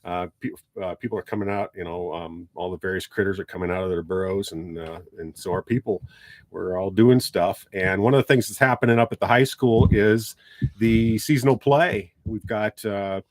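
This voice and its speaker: A man's voice: low-pitched, moderate pace, dry recording. Joking, rambling male radio host, dry studio. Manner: joking, rambling, with frequent restarts. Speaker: radio talk show host. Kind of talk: casual radio interview.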